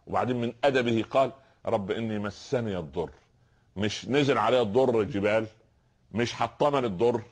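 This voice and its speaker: A man's voice: fairly low pitch, husky. A man with an Egyptian accent preaching a sermon, telling stories and posing rhetorical questions to his listeners. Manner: fast, animated storytelling preacher with rhetorical questions.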